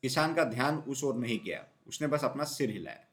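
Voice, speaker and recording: Male narrator, middle pitch, steady children's story reading. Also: fairly quick.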